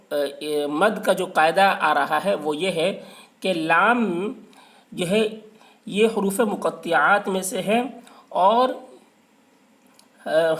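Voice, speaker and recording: High-voiced man teaching recitation patiently. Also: a bit bright. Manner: explains patiently, repeats letters slowly and drawn out. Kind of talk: step-by-step tajweed lesson.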